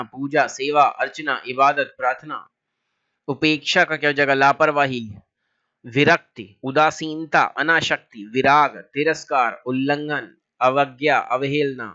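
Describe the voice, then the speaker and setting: A man teaching as a language teacher, reciting lists of synonyms in a steady, drilling way with short asides. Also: on the high side, dull audio. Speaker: Hindi teacher.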